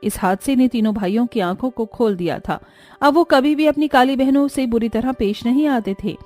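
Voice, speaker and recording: A woman narrating a cartoon story in a gentle, moralizing storytelling voice. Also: on the high side, normal speed, soft background music.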